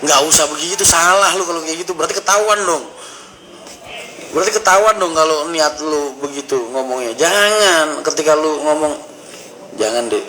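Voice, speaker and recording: A man's voice: on the high side, moderate pace, bright, forceful tone, slight background noise, low-quality recording. A young man chatting casually and teasing his companions. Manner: joking, banters in a Jakarta-slang and Javanese mix. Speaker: vlogger. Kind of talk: casual chat.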